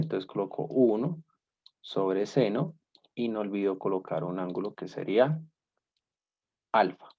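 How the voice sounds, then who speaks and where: A man's voice: on the low side, mellow. A man teaching a basic math class in patient steps, often checking in with his students. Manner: checks in often with "¿listo?" and "¿cierto?"; patient, step-by-step explaining. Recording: dull lo-fi class recording.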